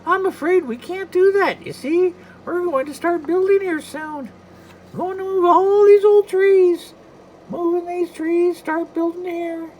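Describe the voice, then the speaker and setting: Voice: very high voice, steady tone, a little slow, darkish tone, a little hiss or hum, pitched above the performer's own voice, low-quality recording. A storyteller voicing a cheerful, eager male cartoon mouse who talks in a chirpy, enthusiastic way. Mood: polite.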